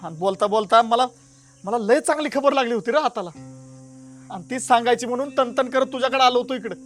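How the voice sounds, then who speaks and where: An actor playing a hot-tempered, jealous village wrestler husband, hurling insults and threats. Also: male voice, very high-pitched, a little fast, faint music behind. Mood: explaining. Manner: shouting insults, scornful, menacing. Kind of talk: rural web drama acting.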